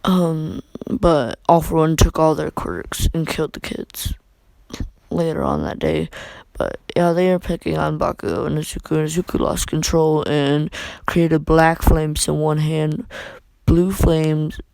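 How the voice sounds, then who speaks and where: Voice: medium pitch, a little slow, gravelly, darkish tone, clear, resonant tone, dry recording. A fan storyteller improvising a story in a rambling, casual way with many asides. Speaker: fan fiction narrator.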